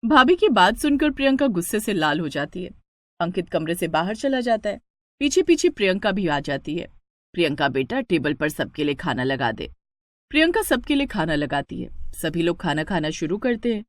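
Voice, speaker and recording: Expressive woman storybook narrator. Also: mid-range voice, normal speed, no echo, clean studio sound.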